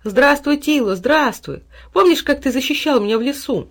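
Cast: an eager little boy, raised and bright, exclaiming with wonder, voiced by a woman narrator. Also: a little high, expressive, fairly quick, voice pushed up. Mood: excited. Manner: bright, wide-eyed, exclaiming. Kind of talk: audiobook fairy tale reading.

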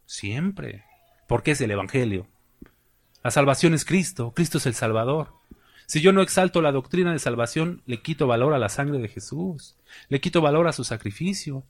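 A man with a Mexican accent preaches a sermon at normal speed, his medium-pitched voice full of lively intonation. Emphatic and conversational, he asks his congregation questions and slips in folksy jokes and colloquial asides.

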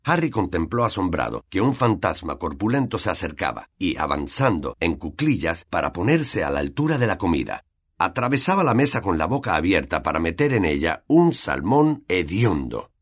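Very expressive male storybook narrator. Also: deep voice, normal speed, slightly rough. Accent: Latin American Spanish. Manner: expressive, vivid. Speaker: audiobook narrator.

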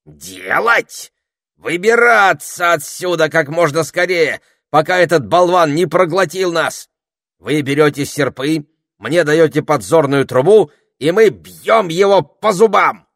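A man voicing an irritable old male parrot who yells and squawks in exasperation, in an audiobook. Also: huge pitch swings, very slow, few pauses, dry recording, clean studio sound, heavily acted. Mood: urgent. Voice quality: shrill, gravelly. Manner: yelling, exasperated.

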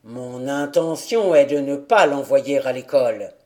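Defiant, gruff old grandfather in a storybook reading; a narrator puts him on, loud and unbending. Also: mid-range voice, animated, unhurried, lightly acted. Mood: stubborn. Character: stubborn old mountain grandfather. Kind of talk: audiobook character reading.

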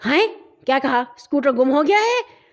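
A woman's voice: high voice, sing-song. A woman playing a drowsy, grumbling father. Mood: alarmed. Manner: drowsy mumbling.

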